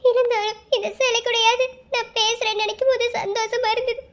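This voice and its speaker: A heartbroken young pregnant wife in a homemade cartoon love story, voiced by a woman. Her voice is very high and bright, soft and pleading in grief, and sharply possessive when crossed. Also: little pitch movement, fairly quick. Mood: sad. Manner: soft, pleading monologue, later possessive and scolding. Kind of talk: amateur cartoon voice acting.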